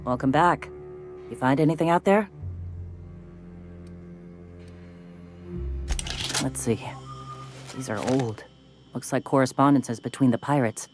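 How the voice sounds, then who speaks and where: Game companion, male, earnest and wounded, mid pitch, played by a man, music bed under the lines. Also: normal speed, close to an everyday voice. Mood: curious. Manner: hurt, earnest. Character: loyal male crewmate, shaken by betrayal. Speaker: companion character. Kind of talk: game character dialogue.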